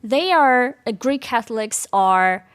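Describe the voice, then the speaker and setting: A guest speaker from Ukraine gives an informal presentation with an audience quiz, speaking with a Ukrainian accent and hesitating as she searches for words. Her voice sits on the high side, fairly bright, slow, with lively intonation.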